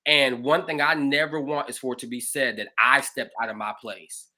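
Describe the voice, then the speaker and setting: A man, a pastor hosting a livestreamed conversation, telling his own stories in an animated, expressive way. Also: mid-range voice, normal speed. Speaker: pastor and show host.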